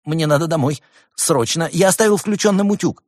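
A man voicing a cowardly, hypochondriac male gopher philosopher in a high, whining voice. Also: a little fast, darkish tone, dry recording, clean studio sound, natural voice.

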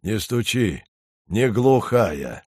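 A man voicing a sleepy female flying squirrel in a storybook reading, speaking slowly and drowsily. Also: lowish voice, sing-song, slightly rough, no room sound, clean studio sound, exaggerated voice. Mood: drowsy. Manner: slow and drowsy.

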